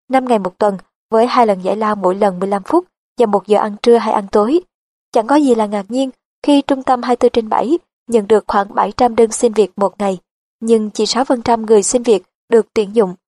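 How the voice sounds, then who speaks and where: A woman reading a nonfiction audiobook in an even, measured narration style. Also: fairly high pitch, no room sound.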